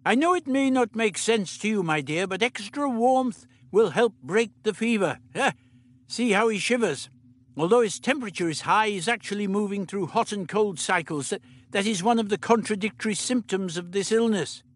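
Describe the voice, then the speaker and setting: Reading an audiobook, a man voices a fussy, absent-minded old doctor in a raised, lively tone at normal speed. The character stammers, fusses and rushes people along in an old-fashioned manner, his pitch swinging all over the place.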